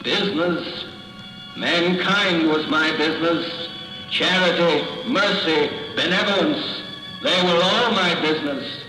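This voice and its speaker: A man's voice: on the high side, slow. An actor playing the mournful, reproachful ghost of a dead businessman, solemn and declamatory, in a radio drama. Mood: anguished, urgent. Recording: echoey reverberant hall effect, faint music.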